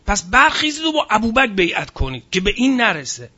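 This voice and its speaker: A man's voice: high voice, big pitch swings, pushed and bright, breathy edge, lo-fi sound. A man giving a religious history lecture, reading passages aloud and adding casual spoken asides. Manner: reads from a book, then comments in casual speech.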